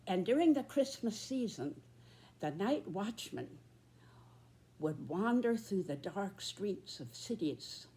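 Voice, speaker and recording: A woman in her nineties giving a reflective, earnest address in short, halting phrases. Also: medium pitch, sing-song, mellow. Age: 90s. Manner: very old person's slow, halting delivery in short phrases.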